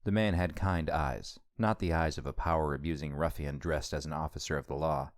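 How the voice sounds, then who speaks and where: A man narrating an audiobook in a steady, measured reading. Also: rumbling low, dry recording, clean studio sound.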